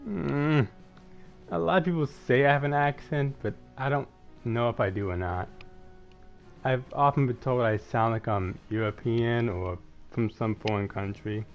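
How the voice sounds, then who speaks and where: A gaming streamer with a slight lisp chats and rambles casually with viewers during live gameplay, in a self-effacing way. His medium-pitched voice is a little slow, coming through a dull lo-fi mic with music behind.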